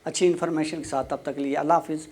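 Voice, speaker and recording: A man giving a casual spoken lesson, explaining Arabic phrases slowly and repeating each one. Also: a little high, steady tone, a little mellow. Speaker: Arabic language teacher. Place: Pakistan.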